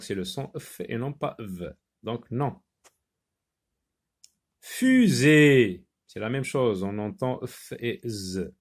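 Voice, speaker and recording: A man's voice: lowish voice, darkish tone. A man teaching a phonics lesson, patiently repeating words and spelling them out letter by letter. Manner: slow, deliberate word repetition.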